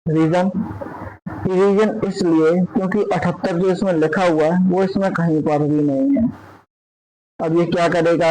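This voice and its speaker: A man's voice: fairly high pitch, a little mellow, poor audio. A man explaining a spreadsheet formula step by step, often putting questions to the viewer. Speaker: Excel tutor. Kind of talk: screen-recorded software tutorial.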